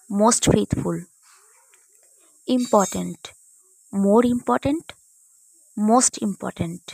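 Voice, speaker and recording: A woman teaching English grammar, slowly reciting rules and word lists. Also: mid-range voice, creaky, darkish tone, no echo, poor audio. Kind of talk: slow recited grammar lesson, English and Bengali.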